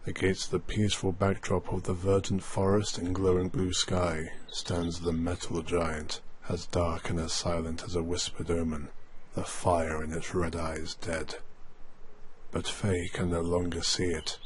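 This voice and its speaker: A man narrates a drama from a script in a very low voice. His delivery is solemn and measured with very little movement in pitch, over faint noise. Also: monotone.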